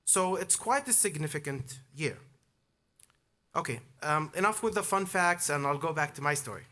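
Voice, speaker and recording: Speaking at commencement as an alumnus, this Amman-born man in his thirties delivers a prepared address rooted in his personal story. His pitch is fairly high, his intonation lively, his pace moderate and his tone sharp.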